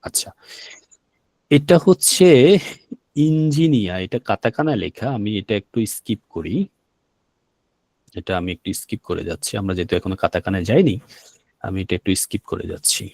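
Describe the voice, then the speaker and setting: In a classroom vocabulary lesson, a Bangladeshi language teacher patiently repeats words and checks that his students keep up. He speaks at normal speed in a lowish, creaky, darkish voice with long pauses, and there is no echo.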